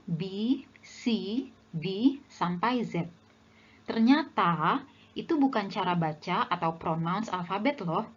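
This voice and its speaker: A young woman narrates a scripted language lesson and speaks to viewers as friends. Her voice is husky and a little breathy. The recording sounds dull and lo-fi. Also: medium pitch. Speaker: language teacher.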